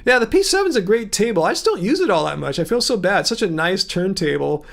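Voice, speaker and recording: A man with a high-set, gravelly voice hosts a casual livestream from home. He rambles as he reads out viewer comments and answers them. He often restarts his sentences and keeps the tone chatty. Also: very animated, fast, fairly bright tone. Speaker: livestream host. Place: home room.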